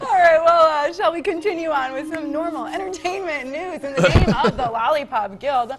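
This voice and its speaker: A high, bright-toned woman co-hosting a morning show who keeps breaking into giggles between lines. She reads light entertainment news in a playful, bubbly way, and a studio crowd can be heard behind her. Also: animated, normal speed.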